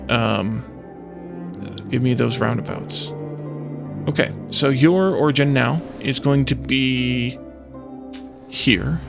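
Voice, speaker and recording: A man with a creaky, medium-pitched voice hosts a let's play, offering casual gameplay commentary. He muses tentatively, as if talking to himself, with music playing behind him.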